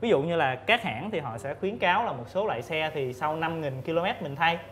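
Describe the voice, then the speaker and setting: A man in his thirties with a fairly high voice explains things patiently and in order, pausing often to fill gaps. He talks on a lapel mic in a studio, with a faint hum behind him. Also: lively intonation, fairly bright tone. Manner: measured, explains step by step with many fillers. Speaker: lubricant expert guest. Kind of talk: explanatory panel talk. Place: indoor TV studio set.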